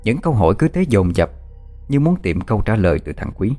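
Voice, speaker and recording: Male horror-story narrator, slow and measured delivery, low voice, faint music under him. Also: big pitch swings, mellow.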